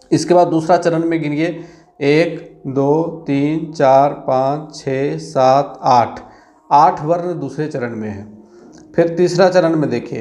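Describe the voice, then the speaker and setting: A man's voice: on the high side, dark tone. A man teaching an exam-prep grammar lesson, counting syllables aloud and checking in with "theek hai" after each point.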